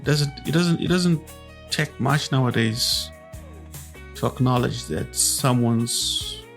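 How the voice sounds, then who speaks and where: A man from Zimbabwe hosting a podcast, talking in a slow, earnest and reflective way with restarts. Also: medium pitch, a bit bright, faint music behind. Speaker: podcast host.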